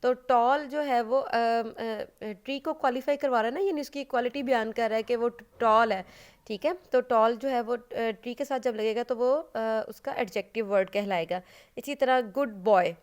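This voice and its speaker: Woman teacher, smooth clear voice, slightly high; patient step-by-step classroom explainer. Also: normal speed. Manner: patient, explains step by step, often checks with "okay?"; mixes English terms into her explanations. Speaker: school English teacher. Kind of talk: recorded online class lecture.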